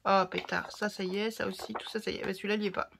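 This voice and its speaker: Chatty French woman with a bright voice. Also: medium pitch, racing, vocal fry, slight background noise. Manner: chatty and expressive, talks to viewers while unpacking. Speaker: craft vlogger. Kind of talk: casual haul chat to camera.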